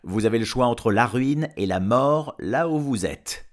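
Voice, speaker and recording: A blunt, shrewd farmer from a storybook, firm and commanding, as a man reads him. His voice is deep and low, lifting sharply on the key words. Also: sing-song, unhurried, full character voice. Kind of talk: audiobook reading.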